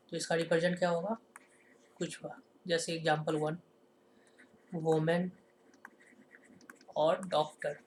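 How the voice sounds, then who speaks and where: A man's voice: sits high, a little hiss or hum. Male teacher explaining step by step. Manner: asks rhetorical questions and answers them himself; slow, stressed repetition of example sentences. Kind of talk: classroom-style lesson explanation.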